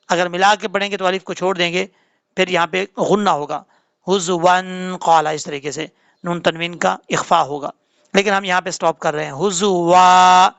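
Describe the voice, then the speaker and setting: A man teaches Quran recitation patiently. He spells letters one by one and then chants the words slowly. His voice sits high with a gravelly edge, close and dry with no room sound. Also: fairly bright tone, dry recording. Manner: patient, drawn-out chanted recitation between quick explanations.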